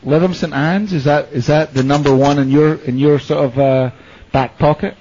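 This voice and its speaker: A man's voice: a little high, fairly even intonation, moderate pace, a little mellow, slightly rough. A man hosting a radio show, chatty and joking, who hesitates often with fillers. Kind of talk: casual radio chat. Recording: dull radio broadcast audio.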